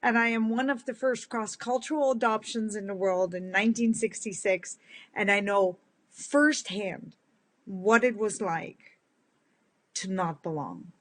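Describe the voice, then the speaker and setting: With a big booming voice, a woman in her fifties from the Netherlands speaks to her followers on a live stream as a kindness speaker. Her talk is earnest and heartfelt, delivered without hurry.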